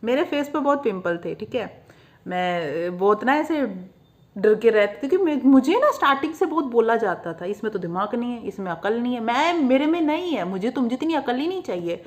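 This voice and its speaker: A woman's voice: fairly high pitch, darkish tone. A young woman from Haryana with a Haryanvi accent, talking bluntly to camera in a casual monologue and laughing at her own jabs. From Haryana, India. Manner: blunt and outspoken, mixing Hindi with English words and laughing at her own jabs. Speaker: vlogger.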